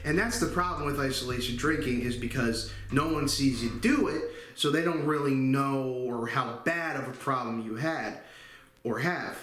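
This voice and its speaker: A man's voice: mid-range voice, a bit bright, slight background noise. Candid young man in echoey room. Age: 20s. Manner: candid, halting, many fillers. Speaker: channel host. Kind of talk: personal confessional vlog.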